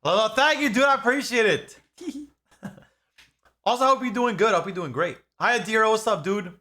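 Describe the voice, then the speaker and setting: Bright-voiced young male streamer. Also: sits high, brisk. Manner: slangy, excitable talk with frequent swearing. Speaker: streamer reacting to a video. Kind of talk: casual livestream chat.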